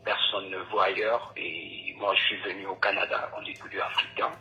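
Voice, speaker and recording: A young man calls an advice show by phone, hesitant and polite with many ums, emotional and close to tears. His low-pitched voice is pushed and bright, level in tone, at a moderate pace. The phone line sounds dull, with faint noise.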